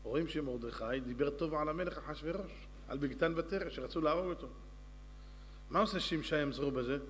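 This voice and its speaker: A man's voice: on the high side, background noise. Man preaching in an echoey hall. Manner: storytelling, addressing audience directly. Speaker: rabbi. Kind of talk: sermon. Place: synagogue or lecture hall.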